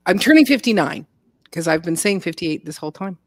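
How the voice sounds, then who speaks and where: A woman's voice: fairly low pitch, expressive, brisk, no echo. Woman, 50s, easygoing co-streamer, dry close mic. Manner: easygoing, laughs a lot. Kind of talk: casual chat. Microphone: video call.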